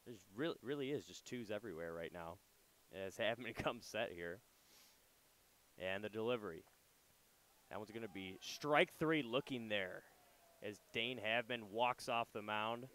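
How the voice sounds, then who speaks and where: A young man in the booth at a ballpark calls baseball for radio, offering relaxed, chatty play-by-play and commentary peppered with loose fillers. His voice is on the low side and he keeps a moderate pace.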